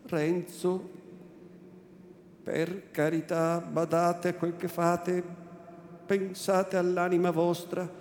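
Don Abbondio, timid old priest, as a reader puts him on. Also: male voice, monotone, slow pace, pauses often, darkish tone, slight background noise. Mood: fearful pleading. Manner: pleading, fearful, rising high. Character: old timid frightened village priest, whiny. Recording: echoey room, faint ambience.

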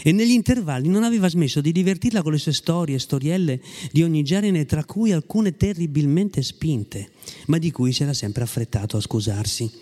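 A man reading a story aloud with a lively, ironic delivery and occasional asides to his listeners. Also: a little high, brisk. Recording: long hall reverb.

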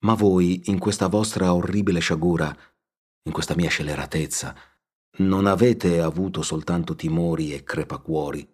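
A man's voice: sits low, moderate pace, darkish tone, slightly rough. A man reading a humble, remorseful count. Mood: pleading. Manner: humble, solemn, pleading. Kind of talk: audiobook reading.

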